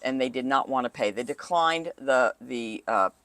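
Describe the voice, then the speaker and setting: A middle-aged woman dating coach in a casual co-hosted chat, talkative and quick to laugh. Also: a bass voice, no room sound. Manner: animated, talkative, laughs easily.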